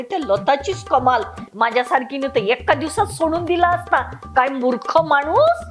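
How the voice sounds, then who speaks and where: Woman playing a shrill scolding mother. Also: fairly bright tone. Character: sharp-tongued middle-aged mother, scornful and quick to scold. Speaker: mother of the groom. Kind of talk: web series acting.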